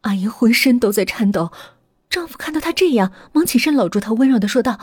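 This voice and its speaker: Female horror storyteller, breathy, dry close mic, faint music under. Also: fairly high pitch, animated, dry recording. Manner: dramatic, slowing and hushing at tense moments. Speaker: storyteller host. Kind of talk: horror audiobook narration.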